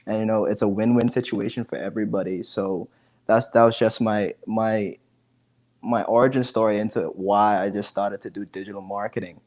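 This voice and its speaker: Speaking through an earphone headset from home, this guest on a video interview is a digital marketing specialist from the Bahamas in his 20s. His lowish, slightly mellow voice moves at a moderate pace with fairly even intonation. He's casual and tends to repeat words as he talks.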